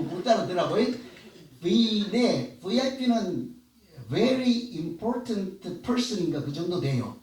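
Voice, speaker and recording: A man preaching a sermon as pastor, talking conversationally and asking the congregation questions. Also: high-pitched. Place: church sanctuary. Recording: echoey church hall, voice from far off.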